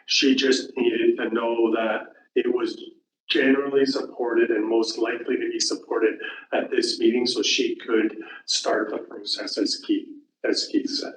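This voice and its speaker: A man's voice: mid-range voice, level tone, unhurried. A man on a commission's staff, explaining procedure at a public meeting with many fillers. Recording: echoey room, distant mic, faint ambience.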